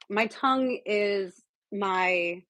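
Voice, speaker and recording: A woman's voice: mid-range voice, drawn-out words, a bit bright, no echo, low-quality recording. Chatty woman guest cook, dry sound. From San Diego, California. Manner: chatty, lots of fillers. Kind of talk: casual cooking chat.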